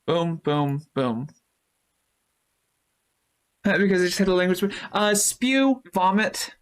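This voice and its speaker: A woman's voice: fairly low pitch, lively intonation, slow pace, clear, resonant tone. A woman streaming live, chatting loosely with her viewers, thanking them and swearing freely. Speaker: Twitch streamer. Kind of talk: casual live-stream chat, reading chat messages.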